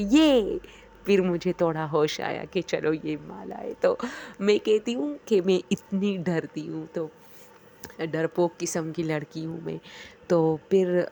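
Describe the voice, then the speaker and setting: A woman with a Pakistani Urdu accent tells a story in a relaxed, chatty way, full of fillers, and she imitates the sounds herself. Her voice is low, dark and gravelly, with a faint hiss of noise behind her. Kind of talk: casual spoken storytelling.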